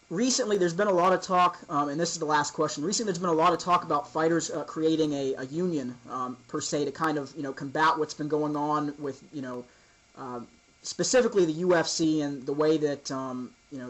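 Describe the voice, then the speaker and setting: A man hosting an informal interview, asking casual questions in a halting, roundabout way. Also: a little high, a bit bright, rough recording.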